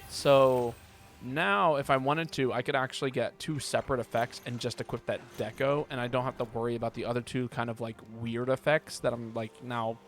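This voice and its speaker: While streaming a video game, a man with a medium-pitched, steady voice talks briskly, rambling casually as he thinks out loud. Background noise is clearly audible in this live gaming commentary.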